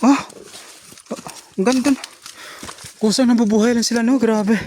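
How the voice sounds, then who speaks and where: A man's voice: very high voice, fairly even intonation, normal speed, warm tone, slight background noise. A man hiking up a forested hillside, vlogging casually and exclaiming to his viewers while out of breath.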